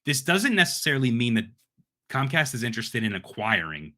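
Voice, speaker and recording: Lively bright-voiced podcast co-host man. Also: medium pitch, brisk. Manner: animated, chatty, reads promo lines. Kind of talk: casual gaming podcast chat.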